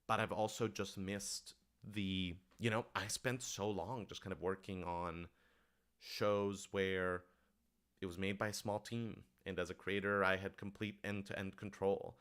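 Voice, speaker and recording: A writer-director answers audience questions on a livestream, speaking casually, earnestly and enthusiastically, with rambling asides. His voice sits low and level, with a fairly bright tone, and he talks a little slowly.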